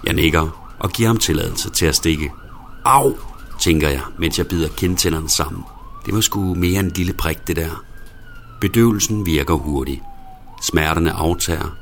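A man reading a first-person story aloud in a plain, low-key way. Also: a little hiss or hum. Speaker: narrator.

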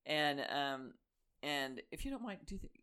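A woman with an Oklahoma accent, co-hosting a faith podcast and telling stories in a casual, animated way. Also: low voice, normal speed, smooth. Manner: animated storyteller, acts out quotes. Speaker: podcast co-host.

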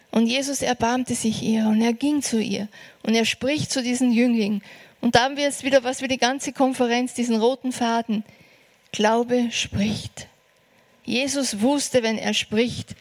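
A woman preaching a sermon, earnest and encouraging, slowing down for emphasis. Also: fairly high pitch, steady tone, a little mellow.

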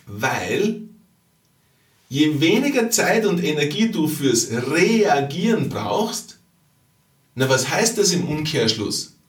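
A man's voice: fairly high pitch, very animated, slow pace, pauses often, distant mic. Emphatic man coaching in a roomy echo. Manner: emphatic, repetitive, rhetorical questions addressed to the listener. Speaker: podcast host and business coach. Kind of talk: motivational business monologue. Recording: roomy echo, slightly off-mic.

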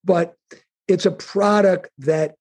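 A middle-aged New Yorker who is an insurance and wealth planning executive gives conversational interview answers as a guest. His gravelly, slightly husky voice is pitched somewhat high, fairly even in intonation and a little mellow. He stumbles and restarts as he works toward each point and acts out imagined speakers.

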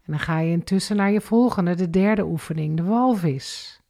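A woman calmly guiding a relaxation and breathing exercise step by step, counting the breaths. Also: lowish voice, creaky. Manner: slow, calm step-by-step guidance with counted breaths. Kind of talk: guided exercise instruction.

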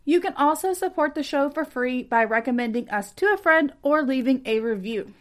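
Higher-voiced American woman, true crime narrator. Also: expressive, normal speed. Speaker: podcast host. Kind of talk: true crime podcast narration with casual chat.

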